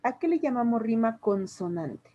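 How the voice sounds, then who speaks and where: Mexican lady teacher going thru poetry terms slow and patient, warm voice, kinda muffled lo-fi sound. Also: a little high, lively intonation. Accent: Mexican Spanish. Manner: patient, explains step by step with examples. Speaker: literature teacher. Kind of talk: classroom lesson.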